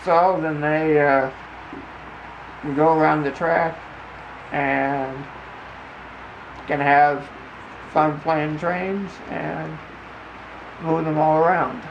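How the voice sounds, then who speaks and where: A man giving a casual hands-on demonstration in a deliberate, halting way, with broken phrasing. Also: on the high side, steady tone, highs cut off. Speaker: host demonstrating a hobby. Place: home basement, indoors. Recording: clear background noise, room ambience.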